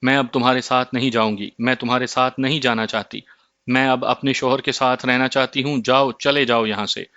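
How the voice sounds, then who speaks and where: A man's voice: mid-range voice, fairly even intonation, sharp tone, dry recording, highs cut off. A man voicing a distressed young wife held captive by a jinn, reproachful and pleading, in an audio horror story. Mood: defiant.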